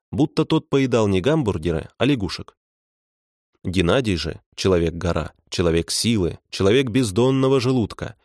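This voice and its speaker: Guy reading an audiobook, lowish voice, wry storytelling, dead dry studio sound. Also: a little mellow, no echo. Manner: ironic, measured storytelling. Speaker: audiobook narrator. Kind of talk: scripted audiobook narration.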